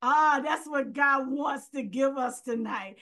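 A woman's voice: high-pitched, slow pace, bright, forceful tone. A woman preacher delivering a fervent sermon, often crying out hallelujah and reading scripture aloud. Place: virtual church gathering.

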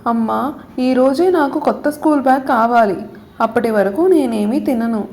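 A woman's voice: a little high, normal speed, darkish tone, lightly acted. Woman reading as Malathi, a stubborn schoolgirl. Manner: sulky, insistent demands. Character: stubborn young schoolgirl, fifth grader.

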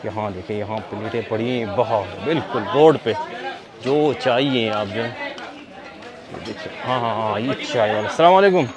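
A man's voice: mid-range voice, normal speed. A man vlogging his shopping trip, chatting and haggling playfully with sellers at an outdoor market. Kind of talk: casual shopping vlog. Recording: busy outdoor market crowd.

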